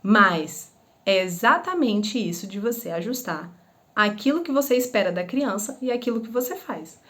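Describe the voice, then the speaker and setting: A woman's voice: medium pitch, expressive, normal speed, fairly bright tone. A woman and former teacher talks through parenting advice in an easy, conversational way. She keeps asking rhetorical questions and briefly acts out everyday scenes to make her points. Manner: explains with rhetorical questions and acted-out examples. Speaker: parenting educator; former schoolteacher. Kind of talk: casual advice talk to camera.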